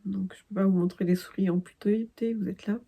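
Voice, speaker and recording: A woman's voice: medium pitch, fairly even intonation, a little fast, creaky, mellow, breathy edge. A woman from France talking casually in a crafting vlog, hesitant with many fillers and restarts. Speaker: crafting vlogger. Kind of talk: casual chat.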